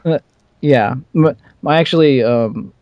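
A man's voice: medium pitch, a little slow, no room sound, lo-fi sound. A man co-hosting a casual sports talk show, giving easygoing football picks with some hesitant fillers. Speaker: sports podcast co-host.

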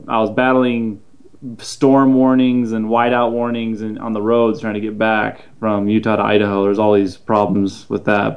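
A man's voice: fairly low pitch, smooth. A young man co-hosting a podcast in casual, joking chat, recorded in an empty, unfurnished room with an echo. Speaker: podcast co-host.

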